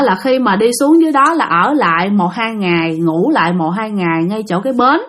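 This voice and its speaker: A woman with a Southern Vietnamese accent telling ghost stories sent in by listeners, casual and animated, talking straight to her audience. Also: medium pitch. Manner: animated, addresses listeners directly, acts out dialogue. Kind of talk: casual spoken storytelling.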